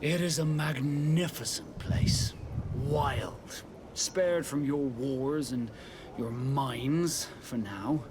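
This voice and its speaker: A man with a medium-pitched voice plays a proud, seasoned sea captain in scripted video game dialogue. His delivery is measured, formal and deliberate, and there's noise in the background.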